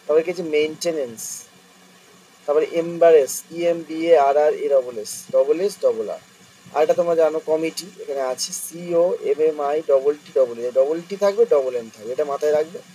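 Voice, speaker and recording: A man teaching spelling for exam prep, reading each word out letter by letter and repeating it slowly. His voice is mellow and sits a little high for a man. He sounds set back from the microphone, with a faint hum of noise underneath. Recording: distant mic with faint noise.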